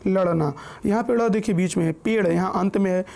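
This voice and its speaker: A man's voice: high-pitched, fairly quick, vocal fry, a little mellow. A man teaching an exam-prep grammar lesson, explaining step by step and reading out lists of example words. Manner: checks in often with the listener.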